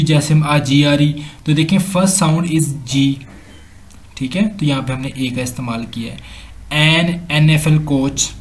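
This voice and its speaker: A man with a Pakistani accent talks through a grammar lesson slide by slide. His voice sits a little high. He speaks slowly and drills each example aloud, slipping into English sentences. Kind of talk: slide-based lesson explanation.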